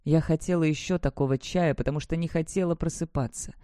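A woman narrating a first-person fantasy audiobook in a steady, measured way. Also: deep voice, no room sound, studio quality.

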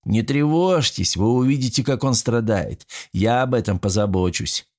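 A man reading an audiobook, voicing a vindictive, lecherous jailer who talks slowly and menacingly. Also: mid-range voice, lightly acted. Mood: gloating. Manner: slow, gloating, menacing.

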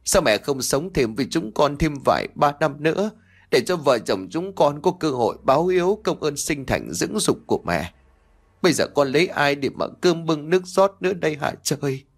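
A man's voice: very animated, normal speed, slightly rough. A man voicing a cruel, scheming middle-aged village wife who wails falsely and snaps sharply. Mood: fake wailing. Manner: shrill wailing, sharp-tongued.

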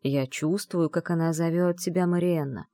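A woman reading an audiobook, voicing a calm young man who speaks quietly and insistently. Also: lowish voice, normal speed, dry recording, close to an everyday voice. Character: calm persuasive young male lord.

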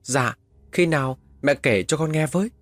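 A man's voice: on the high side, moderate pace, dry recording, pitched above the performer's own voice, lightly acted. A man doing a scared little village boy. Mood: pleading. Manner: pleading, panicky cries. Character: frightened young village boy.

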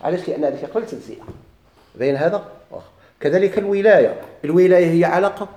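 أستاذ يشرح بسرعة بلهجة مغربية. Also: male voice, sits high, quick pace, warm tone, reverberant, slight background noise. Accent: Moroccan Arabic. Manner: repeats key terms, quizzes students. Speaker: teacher of Islamic inheritance law. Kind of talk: classroom lecture, questions and answers.

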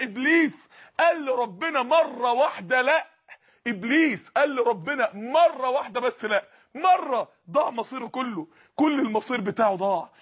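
A man preaching an impassioned Islamic sermon in Egyptian Arabic, telling stories to the congregation and shouting at the peaks. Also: extremely high pitch, breathy edge. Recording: dull lo-fi recording.

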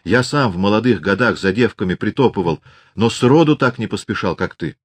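A man's voice: lowish voice, animated, fairly quick. A man reading an audiobook and voicing a talkative rustic Cossack orderly who grumbles in chatty dialect. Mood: grumbling.

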